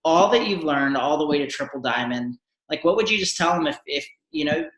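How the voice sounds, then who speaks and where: A man's voice: fairly high pitch, expressive, brisk, a bit bright, reverberant, rough recording. A man hosting a live video panel, encouraging and rambling, with frequent restarts. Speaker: host.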